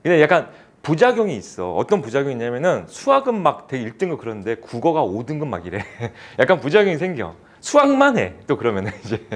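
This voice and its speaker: Male cram-school math tutor, casual and teasing, animated delivery. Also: medium pitch, fast talker, few pauses. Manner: chatty, teasing students, casual speech. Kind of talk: classroom lecture with banter.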